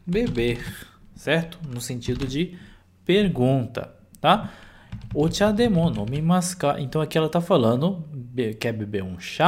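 A man's voice: fairly high pitch, slight background noise. A man explaining Japanese phrases patiently, often checking that the listener follows. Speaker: Japanese teacher. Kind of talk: language lesson explanation.

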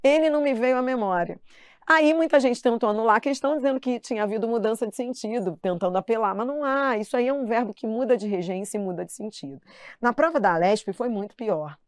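A middle-aged woman with a Brazilian Portuguese accent teaching a live online grammar lesson, chatty and lively, playfully mimicking her students. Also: a little high, quick pace, no room sound, clean studio sound.

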